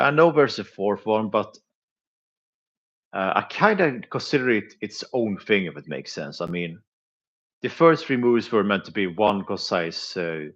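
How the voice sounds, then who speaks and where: Chatting casually on a live stream as he looks over flea market finds, a man speaks in a low, somewhat bright voice. He hesitates a lot, uses many filler sounds, and often chuckles between thoughts. The sound quality is dull and lo-fi.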